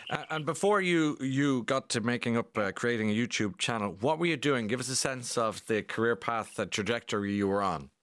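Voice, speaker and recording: A man's voice: medium pitch, lively intonation, a little fast, few pauses, fairly bright tone, dry recording, studio quality. A man asking questions as a radio interviewer.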